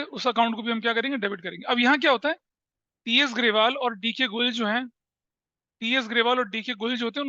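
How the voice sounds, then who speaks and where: Indian guy teaching accounts in class, high sharp voice, keeps asking the class questions. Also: no echo, lo-fi sound. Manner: explaining with rhetorical questions, mixing English terms. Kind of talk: classroom lecture.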